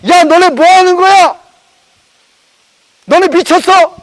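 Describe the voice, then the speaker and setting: A male pastor voicing an angry, startled crowd yelling warnings and insults. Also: very high-pitched, steady tone, slow pace, long reverb tail, voice pushed up, low-quality recording. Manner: shouting, yelling.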